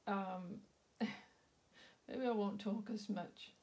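At an indoor craft table, a woman with a mid-range, slightly mellow voice hosts a casual live craft demonstration. She talks slowly and conversationally with lots of ums, greets viewers by name, and sounds a bit sore in the throat.

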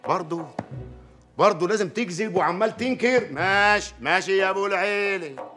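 An actor with an Egyptian accent playing a crude, tyrannical village mayor in a TV drama, barking threats. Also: male voice, high-pitched, a little fast, pushed and bright, faint music behind. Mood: menacing. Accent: Egyptian Arabic. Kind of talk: TV drama acting.

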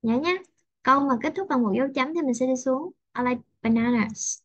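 A woman teaches a class online, patiently repeating example sentences at a slow, careful pace. Her voice sits a little high. The video call audio is muffled and dry. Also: fairly bright tone, breathy edge, no room sound. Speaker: English teacher.

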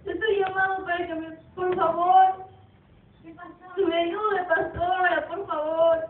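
A woman's voice: extremely high pitch, little pitch movement, slow. Young woman playing a tearful pleading mother. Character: worried, pleading widowed mother. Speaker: church youth actor. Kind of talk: amateur church stage play. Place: church hall. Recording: distant, echoey, tinny.

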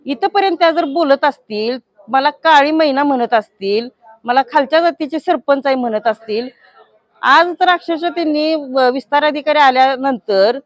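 A woman from Maharashtra, a village head, giving a forceful, indignant statement to the news media. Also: high voice, no room sound. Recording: dull lo-fi news recording.

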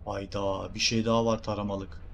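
A young man with a Turkish accent doing excitable, jokey game commentary and talking to his viewers. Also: lowish voice, moderate pace, gravelly, slight background noise. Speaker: gaming streamer.

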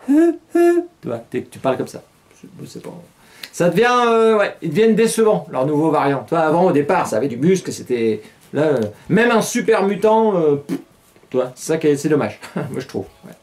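His voice a little high and his speed normal, a middle-aged man delivers sarcastic satirical news from a small studio's green-screen set. He keeps the tone casual and mocking, laughs frequently between jokes, and uses animated gestures.

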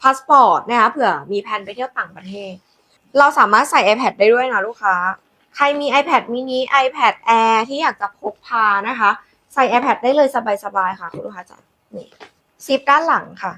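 Bright, high-voiced woman live seller. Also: normal speed. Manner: chatty, coaxing, addresses customers with polite endearments. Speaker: live-selling host presenting handbags. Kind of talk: live shopping sales patter, product demonstration.

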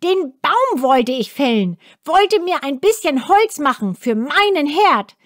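A woman's voice: very animated, no echo, studio quality, full character voice. A woman doing a shrieking, furious ancient dwarf. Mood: scolding. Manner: shrill yelling, scolding, rushed. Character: furious ancient male dwarf, rude and impatient. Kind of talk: storybook reading for children.

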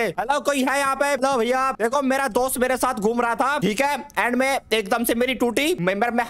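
A man's voice: very high voice, fairly bright tone. A young man giving comic horror game commentary, rambling and jokey, taunting the game's ghosts, repeating words in nervous streams and yelping in fright. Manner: yelps in fright. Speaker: gaming YouTuber.

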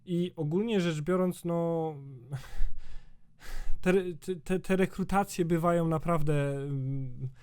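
A man's voice: fairly high pitch, steady tone, takes it slowly, darkish tone, clean tone. A man in his twenties with a sore throat, ranting casually in a vlog, rambling with lots of fillers and swearing. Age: 20s. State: sore throat, slightly changed voice. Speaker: YouTuber.

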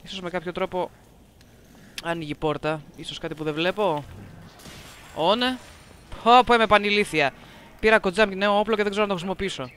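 A man with a high, bright voice jokes his way through a game, talking back to it and reading its on-screen text aloud. His throat is sore and he coughs now and then. Faint game sound and a light hiss sit behind him. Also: pauses often. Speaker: gameplay commentator. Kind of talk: casual let's-play commentary.

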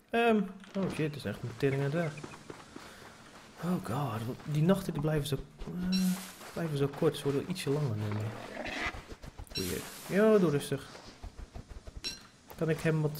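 A man streaming a survival game gives casual let's-play commentary from a noisy home setup, swearing and coaxing an in-game pig in a playful sing-song voice. His voice is on the high side and very animated, unhurried, with frequent pauses.

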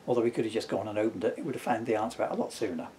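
Reading very fast in a lowish, dark-toned voice, a man in his fifties performs his own comic book aloud from the living room sofa at home. He keeps it playful, with wry asides. A camera a short distance off captures the audio, along with a little hiss or hum.

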